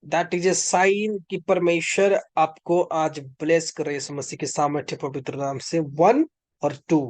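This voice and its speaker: A man's voice: fairly high pitch, fairly even intonation, takes it slowly, a little mellow, no echo. Fervent, commanding man preaching. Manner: fervent and commanding, with bursts of speaking in tongues. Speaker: preacher leading an online prayer session. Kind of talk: charismatic sermon with prophecy and prayer.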